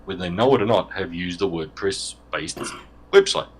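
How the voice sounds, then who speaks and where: A man's voice: low-pitched, normal speed, breathy edge. A man guest in a casual interview, talking at length in a loose, joking way with frequent restarts. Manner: rambling, joking, self-correcting.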